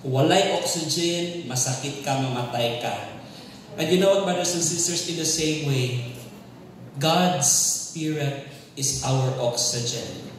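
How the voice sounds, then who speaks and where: Preacher, male, Cebuano Filipino accent, unhurried, higher voice, heard from afar in a reverberant hall. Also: slight background noise. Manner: mixes English and local words, often asks the crowd for responses. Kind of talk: sermon. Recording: echoey hall with long reverb, from far off the mic.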